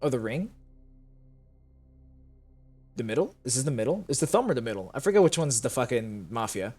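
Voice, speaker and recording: Animated male streamer chatting over game. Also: medium pitch, fairly quick, faint music behind. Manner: swears casually, laughs, reads lines aloud in character. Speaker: streamer reading game dialogue. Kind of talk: casual game stream with voiced dialogue.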